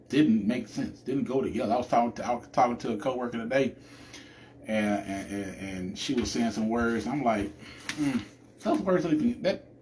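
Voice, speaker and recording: A man hosting a live podcast, talking through a chatty, animated monologue with a preacher-like cadence and lots of restarts. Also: lowish voice, a little hiss or hum. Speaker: podcast host.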